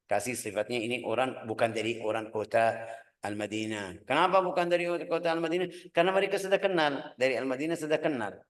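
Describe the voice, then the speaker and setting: A man, teaching a hadith lesson in an animated, informal way and often mimicking loud calls. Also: medium pitch, fast talker, reverberant. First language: Arabic. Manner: animated, mimics loud shouting, mixes in Arabic recitation.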